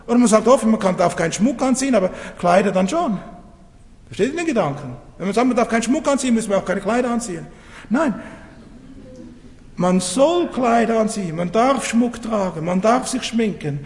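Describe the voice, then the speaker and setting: Middle-aged male preacher, animated and high-pitched, conversational sermon in a reverberant church hall. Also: fairly quick. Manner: lively, conversational, asks the congregation questions.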